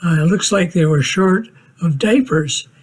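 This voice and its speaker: An elderly man in his eighties from Minnesota narrates a family home video. He talks slowly and plainly, with a dry wit, and his voice sits a touch high for a man. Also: slightly rough. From Minnesota, USA. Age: 80s. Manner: plainspoken, matter-of-fact with dry humor.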